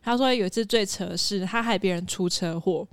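A woman's voice: medium pitch, a little fast, no echo, studio quality. A woman telling a story among friends in a casual guessing game, teasing and laughing often.

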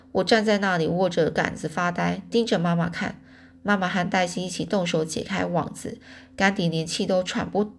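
A woman's voice: on the low side, gravelly. A woman reading a novel aloud as a storyteller, casually adding her own explanations. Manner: casual, adds spoken explanations to the text.

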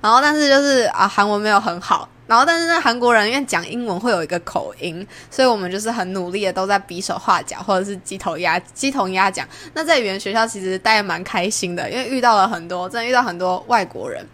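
A young woman from Taiwan with a Taiwanese Mandarin accent, hosting a podcast and chatting through a personal story, jumping up in pitch when she acts out what people said. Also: fast talker, few pauses, fairly bright tone. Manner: chatty, acts out quoted lines with big pitch jumps. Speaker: podcast host. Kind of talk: casual storytelling monologue.

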